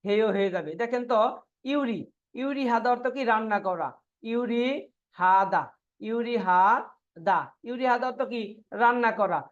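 A man's voice: very high-pitched, moderate pace, pauses often, lo-fi sound. A man teaching a Korean language class online, drilling students by asking the same questions over and over and answering them himself. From Bangladesh.

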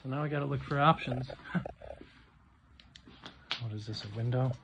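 A man exploring an abandoned building, talking tensely and quietly to his viewers. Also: medium pitch, normal speed, gravelly. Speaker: urban explorer vlogger. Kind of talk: casual vlog narration. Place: inside an abandoned church. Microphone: phone camera. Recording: noisy phone recording.

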